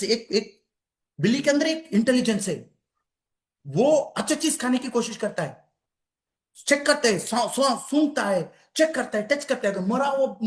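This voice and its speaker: A man giving a conversational health talk to an audience, repeating phrases for emphasis and calling his listeners friends. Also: very high-pitched. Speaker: health and wellness speaker. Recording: echoey room.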